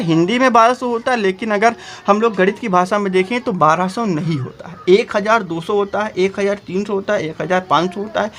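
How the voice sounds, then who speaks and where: A man's voice: high voice, fairly bright tone. A male teacher explaining a math lesson, often asking rhetorical questions and checking in with a repeated "okay".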